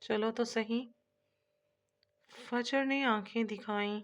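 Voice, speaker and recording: A woman's voice: a little high, steady tone, slow pace. A woman reading a romance novel aloud, voicing all the characters' dialogue in a lightly shifted voice. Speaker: narrator.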